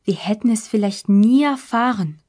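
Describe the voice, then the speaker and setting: A woman's voice: normal speed, mellow, natural voice. A woman reading as a bitter, grieving mother. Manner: shrill, bitter outbursts.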